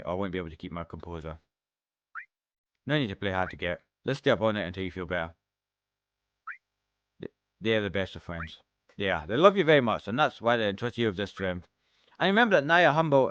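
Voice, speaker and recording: Fast-reading Scottish man voicing game dialogue. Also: fairly bright tone, lo-fi sound, a little hiss or hum. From Scotland. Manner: reads every character's lines, shifting pitch between parts. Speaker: let's-play streamer.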